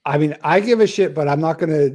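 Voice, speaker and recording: A man with a somewhat high voice and a dry, echo-free sound argues in an online debate. He is insistent and combative, repeating himself to push his point. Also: quick pace, darkish tone. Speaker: debate participant. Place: online voice call.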